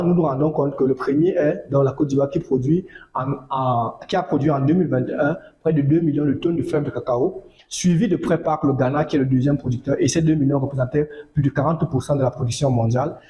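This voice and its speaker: A man giving a measured farming talk, repeating phrases and using fillers. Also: mid-range voice, mellow, roomy sound, muffled recording. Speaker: agricultural educator. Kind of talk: informative monologue.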